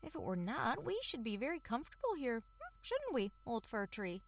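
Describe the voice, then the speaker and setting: A woman voicing a pair of small, curious, squeaky mice in a storybook reading, asking eager questions in a high voice. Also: sing-song, normal speed, gravelly, heavily acted.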